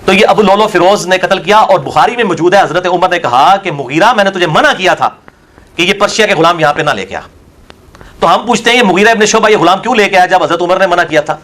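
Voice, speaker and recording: A Pakistani man, a religious scholar answering questions in a heated Q&A, scornful and forceful, firing rhetorical questions. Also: high-pitched.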